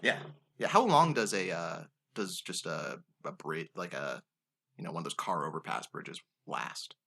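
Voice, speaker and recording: A man's voice: sits low, lively intonation, moderate pace, gravelly, bright, forceful tone, husky. A young man co-hosting a podcast, chatting casually and explaining his opinions, often saying dude. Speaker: podcast co-host. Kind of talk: casual chat.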